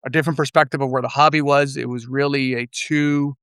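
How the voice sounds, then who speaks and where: A middle-aged man from Puerto Rico, a guest on a remote podcast, talking in a measured casual way with many small pauses. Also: medium pitch, flat delivery, a bit bright, clear, resonant tone, no room sound. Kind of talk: casual interview chat. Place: remote, virtual studio.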